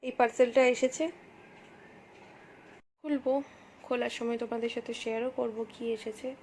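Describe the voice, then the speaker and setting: A woman's voice: a little high, fairly even intonation, normal speed. A young woman, chatting casually through her daily vlog and mixing in English words. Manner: speaks softly while her daughter sleeps. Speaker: vlogger. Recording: faint background noise.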